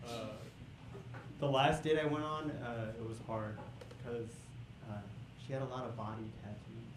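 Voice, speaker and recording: Holding a handheld mic on a comedy club stage, a young stand-up comedian gets the crowd riled up, then shifts into low, deadpan storytelling at normal speed. His voice echoes around a roomy space over steady audience noise.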